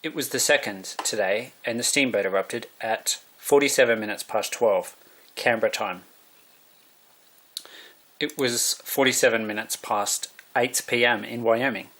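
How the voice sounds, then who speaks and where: A man's voice: mid-range voice, measured pace, a bit bright. Rambling man musing aloud. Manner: musing, meandering, self-correcting. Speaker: vlogger. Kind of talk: rambling monologue.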